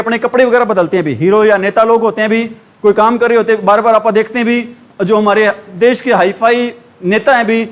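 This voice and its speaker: A man from India with a Haryanvi Hindi accent, teaching an English idioms class. He asks a question, then answers it himself in a lower voice.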